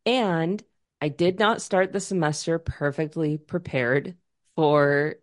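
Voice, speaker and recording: A woman with a low voice co-hosts a podcast, speaking in a relaxed, rambling way full of restarts. She sounds like someone catching up with a friend. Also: takes it slowly. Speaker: podcast co-host; music teacher at a university. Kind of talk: casual chat.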